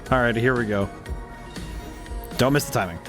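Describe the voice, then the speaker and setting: A man's voice: medium pitch, moderate pace. A man giving casual live game commentary as a streamer, enthusiastic and thinking aloud. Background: game music.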